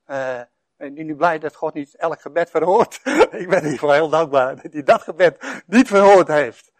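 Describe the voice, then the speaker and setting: A man's voice: on the high side, normal speed, dry recording. An older man preaching a sermon in a chatty way, with many asides, chuckles and emphatic scripture reading. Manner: conversational, with frequent "eh" and "hè" asides and soft chuckles; reads scripture passages with rising, emphatic voice. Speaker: pastor.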